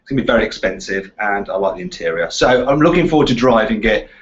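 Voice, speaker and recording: His voice is lowish, expressive, and quick as this Walsall native from the West Midlands of England hosts a laid-back car Q&A. He banters in a chatty way, captured on slightly dull, lo-fi audio.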